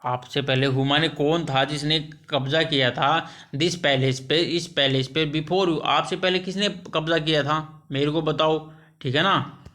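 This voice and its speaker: Male tutor, slow and patient, bright tone, repeats and explains every phrase. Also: on the high side, steady tone. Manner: slow and patient, repeats each phrase, many checking asides. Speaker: English teacher. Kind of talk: reading a story aloud and translating it line by line.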